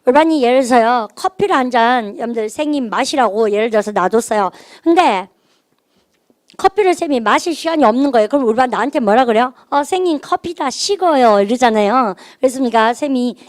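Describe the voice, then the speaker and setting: A woman's voice: fairly high pitch, fairly quick, no room sound. A middle-aged woman teacher, giving a recorded grammar lecture and drilling her students with call-and-response prompts. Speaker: English teacher.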